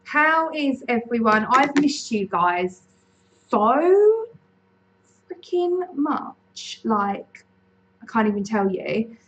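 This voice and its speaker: A woman's voice: medium pitch, takes it slowly, a bit bright, a little hiss or hum, low-quality recording. A woman from the UK hosting a casual live-stream chat from home, bubbly and chatty, greeting viewers by name. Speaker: lifestyle channel host. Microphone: desk mic.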